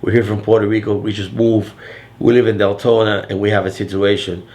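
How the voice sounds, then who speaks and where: A deep, loud older man speaks in a low register, telling a long story in a casual vlog. He rambles, restarts his sentences and drops in fillers as he goes. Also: flat delivery, fairly quick. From Florida. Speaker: vlogger.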